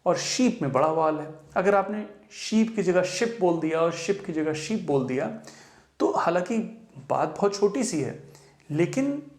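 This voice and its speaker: A man's voice: on the high side, darkish tone, roomy sound. A man giving a pronunciation lesson, explaining patiently and mixing phrases into his talk. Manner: explains patiently, mixes English phrases into Hindi. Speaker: English teacher. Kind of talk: Hindi-language pronunciation lesson.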